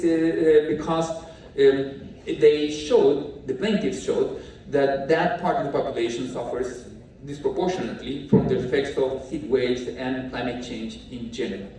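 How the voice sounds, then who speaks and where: A man from Colombia giving a lecture in a halting way, with many fillers and restarts. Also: on the high side, dark tone, a little hiss or hum. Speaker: speaker at a talk. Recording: echoey hall, distant mic.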